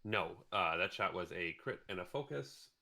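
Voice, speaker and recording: A man co-hosting a live-streamed tabletop game, calmly reading out dice results step by step. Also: deep voice, normal speed, creaky. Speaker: co-host calling dice rolls.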